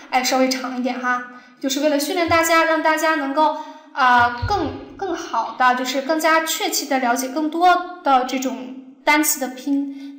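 A high-pitched woman teaches a recorded language lesson. She explains each point slowly, stops often to ask the class questions, and sounds roomy and echoey. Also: fairly bright tone. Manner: patient, explains step by step, asks the class questions. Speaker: Arabic teacher.

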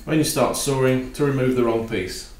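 A man giving a calm, practical woodworking tutorial while he works at a bench in his home workshop. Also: mid-range voice, moderate pace, roomy sound. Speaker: woodworking instructor.

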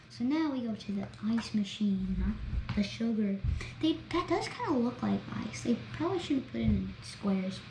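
A woman talking through a video game as she plays, chatty and excitable, narrating each step. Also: a little high. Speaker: gameplay vlogger. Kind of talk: gameplay commentary. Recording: roomy echo, faint background noise.

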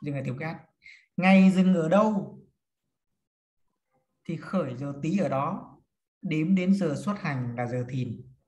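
A man with a high voice teaches slowly and methodically, counting through each step for his class. The room is echoey, so his words ring around him. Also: darkish tone, highs cut off. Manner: slow, step-by-step counting and instructing. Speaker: feng shui teacher. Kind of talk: classroom lesson.

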